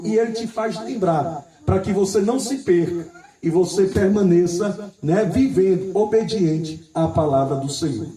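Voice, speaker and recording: Male preacher, high voice, repetitive and emphatic, recorded roomy and from a distance. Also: mellow. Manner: repeats phrases, asks the congregation "Amém?"; reads scripture slowly and with emphasis. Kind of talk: sermon.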